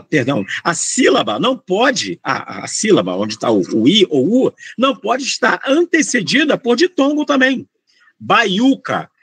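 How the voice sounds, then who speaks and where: A high-voiced Brazilian man with a gravelly, husky edge, swinging his pitch up and down as he works through grammar questions. He speaks in a Brazilian Portuguese accent, in a loose, slangy teaching style full of asides to the class. The sound is dry and close. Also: dry recording. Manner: slangy, lively, rambling, addresses students as gente. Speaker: Portuguese tutor for exam candidates. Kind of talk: informal grammar lesson.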